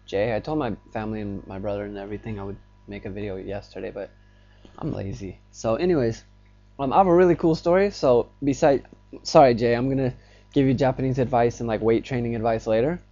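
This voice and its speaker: A young vlogger rambles through a personal story to his phone camera, stuffing it with fillers and getting more agitated as it builds. He talks fast in a warm, medium-pitched voice, and the recording is muffled.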